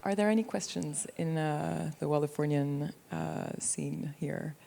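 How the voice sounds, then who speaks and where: Slow, dark-voiced French woman moderator. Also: low voice, vocal fry, a little hiss or hum. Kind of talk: conference panel moderation.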